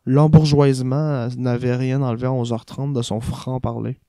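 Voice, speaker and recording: A man reading an audiobook aloud in a steady, measured way. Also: mid-range voice, no echo. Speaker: audiobook reader. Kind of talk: audiobook narration.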